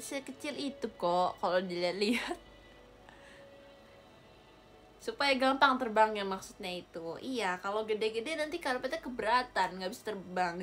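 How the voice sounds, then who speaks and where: In a small bedroom with a gaming chair, a young woman streaming as an idol chats casually with viewers, often giggling and thanking them for gifts. Her voice is fairly high and fairly bright, recorded close up on a webcam or phone.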